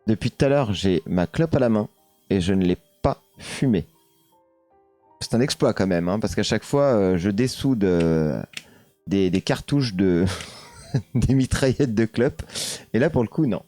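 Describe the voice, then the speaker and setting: Low-voiced French streamer, hesitant. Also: male voice, animated, measured pace, long pauses, mellow, faint music behind. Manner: hesitant, many fillers, reads chat aloud and chuckles. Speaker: streamer hosting a paranormal live show. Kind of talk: casual live-stream chat.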